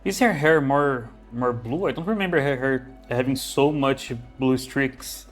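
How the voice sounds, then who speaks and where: A man's voice: mid-range voice, unhurried, soft background music. Chatty male streamer, phone mic. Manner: rambling, self-correcting, chatty. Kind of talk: casual streaming chat and reading game text aloud. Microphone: phone held close to the mouth.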